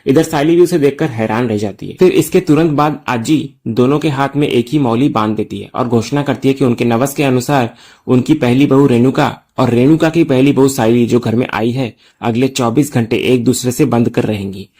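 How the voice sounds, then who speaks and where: A man hosting a TV serial review channel, narrating a scripted episode recap in a steady storytelling way and closing with a direct sign-off to viewers. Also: mid-range voice, normal speed.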